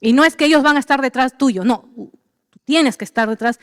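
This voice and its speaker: A woman's voice: sits high, brisk, smooth, no echo, clean studio sound, big-room sound. A middle-aged woman pastor, preaching animatedly and acting out the voices of believers and of God. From Peru. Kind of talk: sermon.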